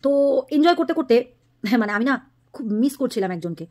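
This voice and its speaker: A woman's voice: fairly high pitch, very animated, fast, a little mellow. A woman, a vlogger ranting to the camera in a scolding, mocking tone. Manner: scolding, mocking, insulting a rival. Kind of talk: angry direct-to-camera rant.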